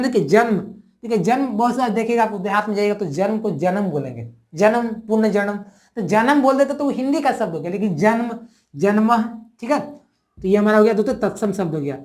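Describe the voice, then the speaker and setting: A woman's voice: a little high, a little mellow. A woman teaching a grammar lesson, who repeats each word and keeps asking her viewers questions.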